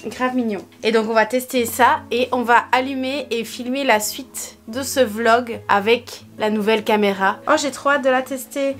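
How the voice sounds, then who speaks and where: A young woman vlogging casually from her bedroom, chatty and excitable, with a sore, dry throat. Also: a little high, normal speed, hardly any pauses. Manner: chatty, easily excited, exclaims and grumbles. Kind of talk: casual vlog chat. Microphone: camera mic.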